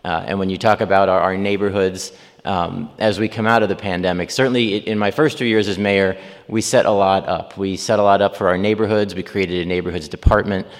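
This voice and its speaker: A man's voice: deep voice, fairly even intonation, fairly quick. A man in his forties from Long Island, a city mayor talking informally to a church congregation, rambling with frequent ums and restarts. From Long Island, New York. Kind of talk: informal speech and Q&A. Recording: reverberant church hall.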